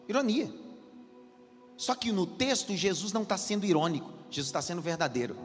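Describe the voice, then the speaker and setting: Pastor, high voice, sermon building in fervor, reverberant church hall, soft music behind. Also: male voice. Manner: preaching with rising intensity, repeating lines.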